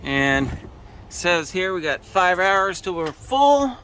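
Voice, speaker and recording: A man filming a casual family vlog, explaining in a relaxed, chatty way as he charges the car outdoors. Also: high-pitched, slow, a little hiss or hum. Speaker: family vlogger. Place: parking lot by a car charger.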